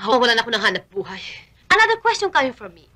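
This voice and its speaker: A woman's voice: a little high, very animated, racing, sharp tone. A vain, sassy neighborhood lady. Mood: coy. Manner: mixes English into Tagalog, theatrical and scolding.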